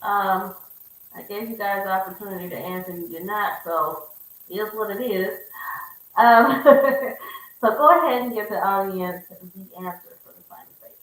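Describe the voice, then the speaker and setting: A woman's voice: mid-range voice, moderate pace, fairly bright tone, recorded from a distance. Woman host of a live-stream chat, easy laughter, strong room echo. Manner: laughs often, affirming "okay". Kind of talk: casual live-stream interview.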